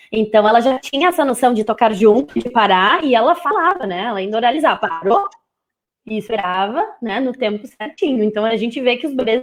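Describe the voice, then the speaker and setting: A young woman talks casually and warmly about teaching music to babies, her voice sitting a little high. She breaks into short playful sung phrases now and then. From southern Brazil. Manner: lively, sings short playful phrases to show children's songs. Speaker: music teacher and speech therapist guest. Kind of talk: casual live chat.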